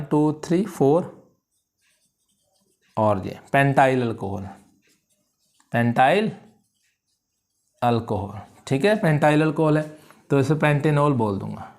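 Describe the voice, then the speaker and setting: A male chemistry teacher lecturing in a classroom, his voice sitting a little high for a man. He keeps checking that students understand and calls them "beta". He drags out key terms slowly so they can note them down. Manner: checks understanding with repeated questions; repeats key words slowly for dictation.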